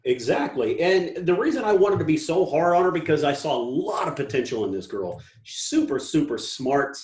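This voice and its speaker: Podcast guest, male, animated and blunt, raised voice, roomy echo. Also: on the high side, normal speed. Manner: animated storytelling, swears freely. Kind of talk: casual podcast conversation.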